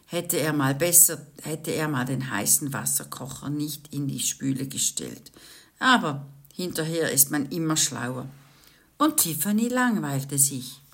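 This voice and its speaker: Woman storyteller, low, creaky voice, slow and animated read-aloud for kids. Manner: lively, with chatty asides to young listeners. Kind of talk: reading a children's book aloud.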